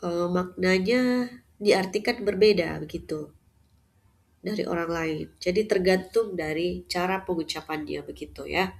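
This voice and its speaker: A woman giving a lecture in a measured way, often pausing on "eh" and ending points with "ya". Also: fairly low pitch, creaky. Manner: measured, with frequent "eh" fillers and "ya" tags. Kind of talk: unscripted lecture.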